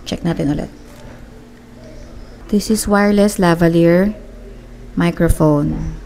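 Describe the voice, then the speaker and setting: A Filipino woman with a slightly gravelly, lowish voice talks slowly through a mic unboxing. She sounds stuffy from a cold, chatting casually at home. There is clear background noise behind her. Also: mellow, poor audio. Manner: chatty, testing mic with repeated hellos. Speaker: vlogger reviewing a microphone. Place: home room with an electric fan. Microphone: phone with wireless lavalier.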